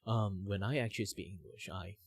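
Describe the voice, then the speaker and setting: A man's voice: lowish voice, fairly quick, husky, dry recording. A young man with a tired, strained voice and Mandarin as his first language, chatting loosely on a stream with lots of fillers. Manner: relaxed, rambling with many fillers. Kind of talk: casual livestream chat.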